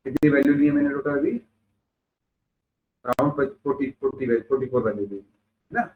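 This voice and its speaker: A man with a mid-range voice teaches at a fairly quick clip in an echoey classroom, explaining step by step and asking rhetorical questions. He's far from the phone-like mic, and there's slight background noise.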